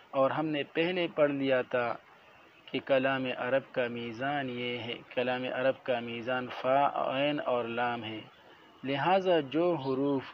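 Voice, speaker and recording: A man teaching a classroom lecture, explaining each point methodically and repeating terms slowly. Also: medium pitch. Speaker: religious studies teacher. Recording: dull lo-fi audio with faint noise.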